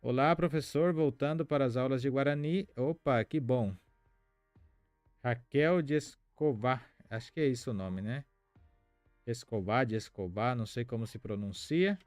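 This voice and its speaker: A man's voice: medium pitch, moderate pace, a little mellow, no echo, studio quality, faint music behind. A man from Paraguay, whose first language is Spanish, teaching a Guarani lesson on a live stream in a chatty way, reading out viewer comments and thinking aloud with many fillers.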